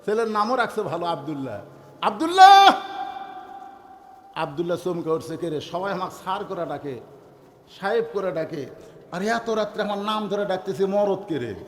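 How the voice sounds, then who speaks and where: High-voiced preacher in an echoing hall. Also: male voice, fairly quick, slight background noise. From Bangladesh. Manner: acts out voices in the story, shifting from soft murmurs to loud cries. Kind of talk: Bengali waz sermon with storytelling. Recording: echoey hall, roomy long reverb.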